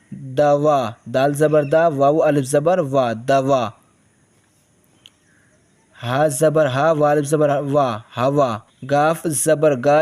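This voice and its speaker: A man teaching beginners to read, spelling out letters and syllables slowly and repeating each word. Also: fairly high pitch, a little mellow, no echo. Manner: slow, patient syllable-by-syllable spelling with repetition. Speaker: Urdu teacher. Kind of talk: spelling out letters and words for learners.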